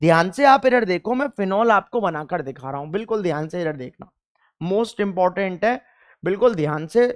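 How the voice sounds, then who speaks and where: A man's voice: sits high, expressive, normal speed, smooth. A young man teaching chemistry in an exam-focused lecture, emphatic, repeating key points and firing questions at the class.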